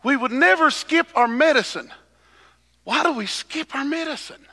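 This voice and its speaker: High-voiced preacher at a pulpit microphone. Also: male voice, moderate pace, pushed and bright. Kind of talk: sermon. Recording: long hall reverb.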